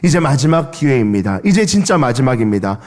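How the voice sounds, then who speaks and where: A man preaching a Sunday sermon as pastor in a church, impassioned, rising and falling sharply in pitch and loudness as he leads the congregation in reading aloud. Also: very animated, brisk. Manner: impassioned, with dramatic swings of pitch and level. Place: church sanctuary. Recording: long church reverb.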